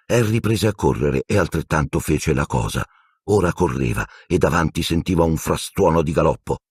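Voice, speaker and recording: A man narrating an audiobook with expressive storytelling. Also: extremely low pitch, moderate pace, slightly rough, no room sound, studio quality. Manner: expressive storytelling, voicing every character.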